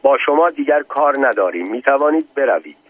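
A man reading the lines of a decisive, commanding middle-aged army general in a curt manner, with a husky voice on a tinny recording. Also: mid-range voice, sing-song, no room sound.

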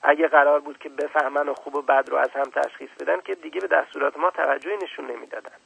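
A proud old scientist who lectures in a condescending tone, as a male narrator plays him. His voice is gravelly and husky, and it sits a little high. He brushes off a child's objections with impatience. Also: fairly even intonation, fairly bright tone, dry recording, full character voice, low-quality recording. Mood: lecturing.

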